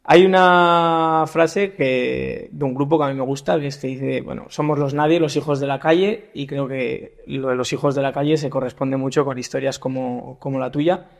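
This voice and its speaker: A young man from Spain hosting a podcast and interviewing a guest in casual conversation, often pausing and repeating words as he asks his questions. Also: medium pitch, steady tone, creaky. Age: young adult. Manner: hesitant, repeats words while asking questions. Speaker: podcast host.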